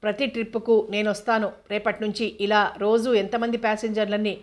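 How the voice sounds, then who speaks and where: A woman's voice: mid-range voice, flat delivery, fairly quick, natural voice. A woman reading the lines of a suspicious, stingy lorry owner who speaks in an accusing way.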